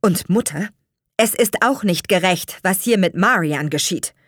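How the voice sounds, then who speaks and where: A woman's voice: on the low side, animated, a little slow, no room sound, studio quality. A woman voicing a firm, indignant young man standing up to his parents in an audiobook reading. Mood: firm defiant.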